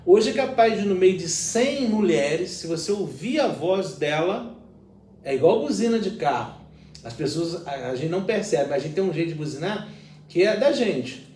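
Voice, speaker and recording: Earnest pastor with a high lively voice. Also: male voice, normal speed, reverberant, recorded from a distance, slight background noise. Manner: earnest, explanatory, uses everyday examples. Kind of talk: conversational Bible reflection.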